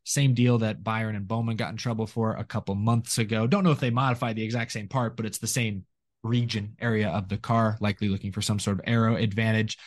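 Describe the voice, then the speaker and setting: A man hosting a motorsport podcast, running through news in a steady, chatty way with short asides. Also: lowish voice, fast. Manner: steady newsy rundown with asides. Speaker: podcast host. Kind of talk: casual podcast chat.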